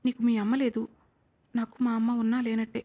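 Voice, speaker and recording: A woman's voice: on the high side, flat delivery, brisk, lo-fi sound, natural voice. A woman voicing a cold, arrogant young male doctor who talks curtly and sarcastically in a storybook reading. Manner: curt, sarcastic.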